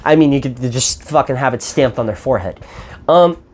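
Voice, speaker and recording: A man's voice: mid-range voice, expressive, a little fast, darkish tone, a little hiss or hum. A man ranting through a movie review, exasperated and profane, rambling as he goes. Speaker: film reviewer.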